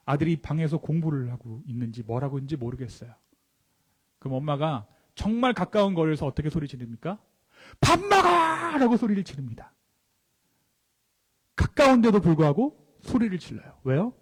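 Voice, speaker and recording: A male pastor preaching a sermon, asking the congregation questions and answering them himself, often trailing off into soft low endings. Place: church sanctuary. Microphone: handheld or stand mic. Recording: long church reverb.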